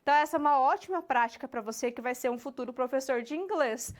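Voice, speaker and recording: A woman with a high voice teaches English in a recorded online lesson, speaking straight to the student and checking in with tags. Her model phrases come out slow and stretched when she demonstrates questions.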